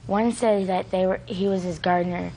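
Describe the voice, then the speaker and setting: A woman's voice: fairly low pitch, steady tone, moderate pace, warm tone, slight background noise, low-quality recording. A young American woman recounting events hesitantly as a witness in a TV court.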